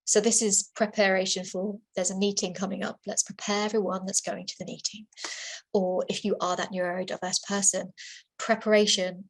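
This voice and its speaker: At normal speed and a level medium pitch, a woman speaks through a computer mic in a rough recording. Leading a webinar as a workplace assessor, she stays informal and chatty, circling back and restarting often with many fillers.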